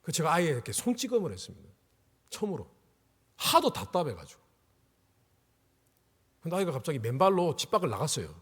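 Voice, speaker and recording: A man's voice: fairly high pitch, wildly swooping pitch, brisk, pauses often, slightly rough. A middle-aged male pastor preaching a revival sermon, telling a personal story with emotion that rises to pleading cries. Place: church sanctuary. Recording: echoey church hall.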